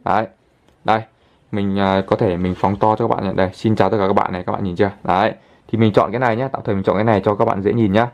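A man hosting a casual app tutorial, chatting his way through each step and filling pauses with little pointer words. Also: lowish voice, fairly even intonation. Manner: chatty, fills pauses with constant "đấy" and "đây". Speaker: channel host, tutorial presenter.

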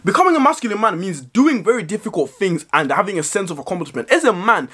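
A man's voice: sits high, very animated, quick pace, bright, forceful tone, breathy edge. Blunt, profane young man vlogging. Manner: blunt, profane, emphatic, with frequent "right?" tags. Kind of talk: direct-to-camera advice vlog.

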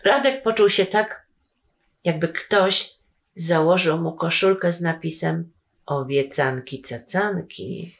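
A woman author reading her children's story aloud with slow, expressive storytelling. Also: lowish voice, creaky.

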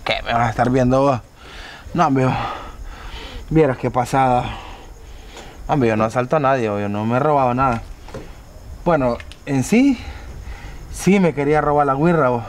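A man's voice: mid-range voice, normal speed, long pauses, natural voice. A man plays a nervous young Honduran boyfriend who rambles on about meeting his girlfriend's parents. His voice sits in a middle range, and a faint ambient hum stays behind him. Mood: flustered. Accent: Honduran Spanish. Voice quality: rambling, slangy storyteller.

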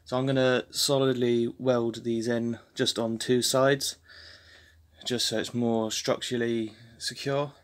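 A man's voice: medium pitch, measured pace. Young man chatting in his garage. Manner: relaxed, rambling, many fillers and restarts. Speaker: car restoration vlogger. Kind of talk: casual workshop narration. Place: home garage workshop. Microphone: handheld phone camera.

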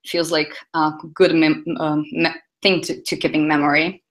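A woman's voice: deep voice, flat delivery, normal speed. A woman in her thirties, a UX designer, giving a conference talk in a chatty way with many fillers and self-corrections. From Brazil.

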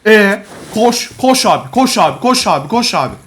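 A young man giving casual, foul-mouthed gaming commentary to a friend, excitable and full of exclamations. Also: sits high, moderate pace. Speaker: gamer recording a co-op video.

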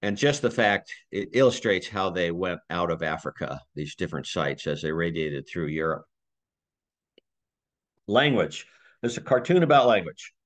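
A man giving a conversational slide lecture, thinking aloud with restarts and small laughs. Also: fairly low pitch. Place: community talk room.

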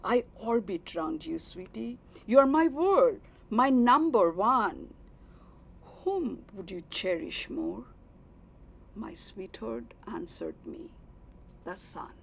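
A woman reciting a rhyming poem in a rhythmic, expressive way. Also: medium pitch, slow, vocal fry. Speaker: poetry reciter. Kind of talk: poetry recitation.

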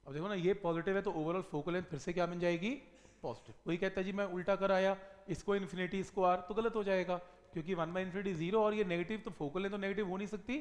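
A middle-aged man gives a physics lesson at a whiteboard in a high voice. He asks a question and then answers it himself, hitting the key word with weight. A long reverb trails after his words. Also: steady tone, fast talker. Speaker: physics teacher. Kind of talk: whiteboard lecture. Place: classroom studio at a whiteboard.

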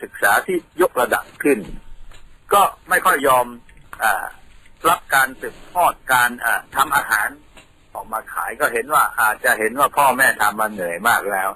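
A man's voice: mid-range voice, animated, normal speed, bright, forceful tone, breathy edge, rough recording. A man from Thailand, a radio guest patiently explaining things in a studio, telling them like a story.

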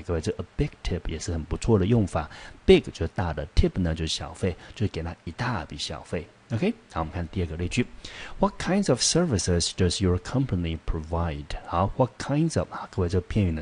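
A man's voice: low voice, mellow, slightly rough. A male English teacher gives a vocabulary lesson, patiently explaining and asking the class rhetorical questions as he reads English example sentences.

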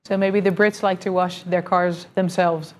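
A woman moderating a panel discussion who briskly cuts in with questions. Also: on the low side, little pitch movement.

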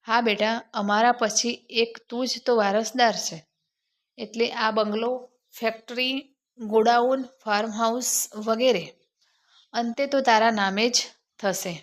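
A woman's voice: fairly high pitch, steady tone, slow. A woman voicing a middle-aged mother who warns and advises her grown daughter in a spoken story. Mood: cautioning. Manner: cautioning, advising. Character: worried middle-aged mother giving warnings.

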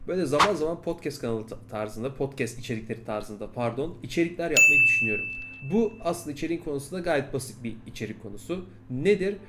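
A man's voice: mid-range voice, expressive, quick pace, very noisy. A man, an English teacher, talking in a casual podcast style, often repeating and rephrasing his points.

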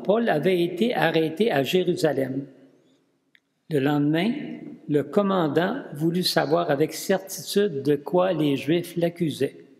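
A man reading scripture and the psalm aloud at mass, careful and deliberate. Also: a little high, creaky, darkish tone. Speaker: lector at mass. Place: church. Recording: church with long reverb.

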